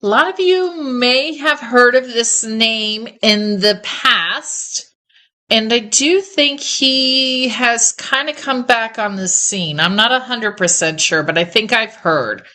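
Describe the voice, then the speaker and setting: A middle-aged woman hosts a live stream ornament sale, speaking into a close mic. She talks at an unhurried pace in a slightly high voice. Her manner is chatty and upbeat, with frequent laughter. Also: expressive, bright, forceful tone. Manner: chatty and enthusiastic, laughs often. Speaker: host of a live ornament sales show. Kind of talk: casual live sales chat.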